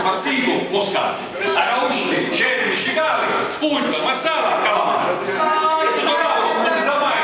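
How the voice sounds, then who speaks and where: A man with a Trapani Sicilian accent reciting comic dialect rhymes and jokes in rhythmic runs. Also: sits high. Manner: lists foods in rhythmic rattled-off runs. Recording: echoey hall, distant mic, loud audience. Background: loud crowd.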